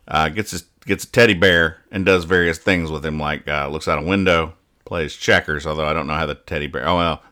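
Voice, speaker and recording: Hosting a casual comedy podcast about reading comics, this man reads things out and explains them in a rambling, mock-serious style. His voice is low, pushed, and bright.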